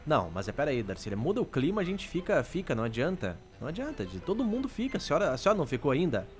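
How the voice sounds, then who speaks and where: A male radio co-host, his voice rising and falling in a lively, somewhat high register. He banters playfully and plays at being offended. Soft music sits in the background. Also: rapid-fire.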